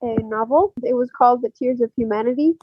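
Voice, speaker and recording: A young woman from Algeria, a podcast guest, talks in a casual, hesitant way with many fillers and soft laughs. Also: on the high side, fast talker, husky, dry recording, lo-fi sound. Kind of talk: casual interview chat.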